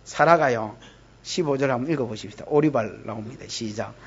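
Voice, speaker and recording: A woman pastor with a Gyeongsang accent preaching a lively, teasing sermon to her congregation during a church service. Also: rumbling low, brisk, breathy edge, dull audio. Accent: Gyeongsang Korean. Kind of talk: expository sermon.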